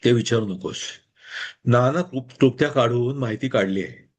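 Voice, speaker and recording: A man voicing a clever, teasing friend who mocks gently in a told story. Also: medium pitch, moderate pace, breathy edge, lightly acted. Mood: wry. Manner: wry, mocking.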